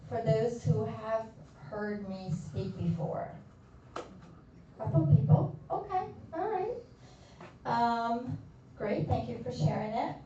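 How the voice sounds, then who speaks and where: Her voice is fairly high and warm as this nurse practitioner from Poland, Polish accent and all, chats through a health talk with a group in a community room, friendly and addressing them directly. There's slight background noise, and the audio has a far-off, echoing, slightly muffled quality.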